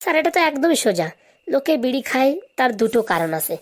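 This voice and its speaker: A performer voices a cheeky, brazen, buck-toothed schoolboy in a comedy cartoon, answering back glibly with absurd confidence. The voice is high-pitched and quick, with big pitch swings.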